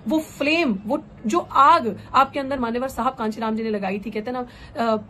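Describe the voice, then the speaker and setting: Fervent young woman activist, highish voice. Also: moderate pace, pushed and bright, slight background noise. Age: young adult. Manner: fervent, rousing, mixes English phrases into Hindi. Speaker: political candidate and activist. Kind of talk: impassioned political speech.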